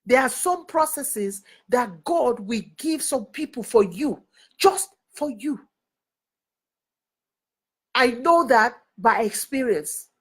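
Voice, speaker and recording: High-pitched earnest woman mentor. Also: expressive, slow, long pauses, breathy edge. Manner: earnest, repeats phrases, preacherly. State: crying and laughing at times. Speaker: mentor and network leader. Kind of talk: emotional motivational talk.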